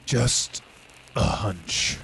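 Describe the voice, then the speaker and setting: An actor playing a weary, guarded police detective who talks tersely and hesitantly in an old-time radio drama. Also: male voice, extremely slow, noisy background. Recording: loud music bed under the voice.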